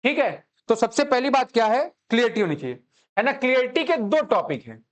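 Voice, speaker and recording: Man, commerce teacher, classroom lecture, joking and chatty, very expressive pitch. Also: brisk. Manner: chatty, joking, checks understanding constantly.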